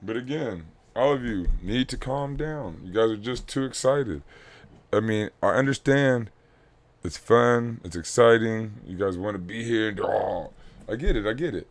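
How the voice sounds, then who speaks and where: A man's voice: on the low side, animated, normal speed. Blunt man breaking down game film. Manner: instructive, blunt, repeats key points. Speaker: youth basketball coach.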